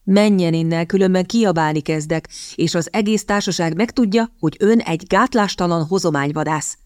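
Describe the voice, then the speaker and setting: In an audiobook, a woman voices a sardonic young gentleman with a drawling, teasing mock courtesy that turns curt. Her natural voice sits fairly low, recorded cleanly in a studio with no echo.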